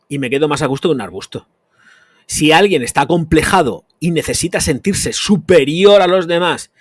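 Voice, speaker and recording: A man's voice: on the high side, dry recording, clean studio sound. A man, a perfume channel host answering chat comments on a live stream in a blunt, crude, emphatic rant.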